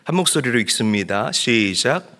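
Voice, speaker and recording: A man preaching a sermon as a pastor, swinging between loud impassioned cries and hushed storytelling. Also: mid-range voice, expressive, normal speed.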